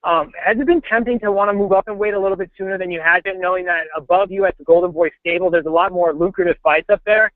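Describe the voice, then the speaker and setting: A man's voice: high voice, fast, few pauses, no echo. A man hosting a casual sports interview, asking long, rambling questions over a thin phone line. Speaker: interviewer on a boxing show.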